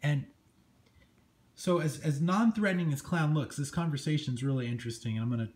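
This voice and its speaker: A comic book show host with a fairly high, slightly mellow male voice speaks a bit quickly, enthusiastic and chatty as he moves through the pages. Room ambience and noticeable noise come through in this amateur recording.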